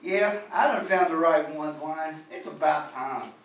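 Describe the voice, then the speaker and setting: Man as a young Marine son, polite, quiet, high voice, echoey far recording. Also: a little slow, a little hiss or hum. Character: young Marine son Corey, reserved and dutiful. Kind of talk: amateur school play acting.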